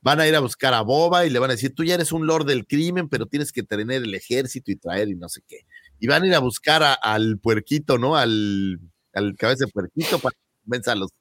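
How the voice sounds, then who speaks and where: A man's voice: mid-range voice, fairly quick, a bit bright, dry recording, clean studio sound. A man with a Mexican accent co-hosting a casual podcast chat, joking and slangy. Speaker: podcast co-host.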